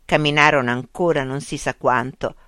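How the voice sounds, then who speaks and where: A narrator reading a children's adventure story aloud in a lively, expressive way. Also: medium pitch, moderate pace, smooth, no room sound, clean studio sound.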